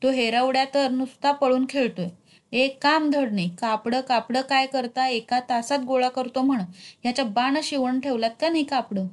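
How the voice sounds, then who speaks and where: A woman's voice: high voice, steady tone, normal speed, natural voice. A woman voicing Anabya, a snappish troupe manager. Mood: grumbling. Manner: short-tempered, barking orders. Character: harried male village theatre-troupe manager.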